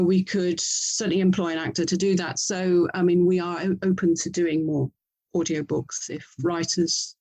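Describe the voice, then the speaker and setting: She's from England, an author and audio drama producer speaking with an English accent as an interview guest, warm and enthusiastic in conversation. Her lowish voice is a little mellow and slightly rough, on a rough recording.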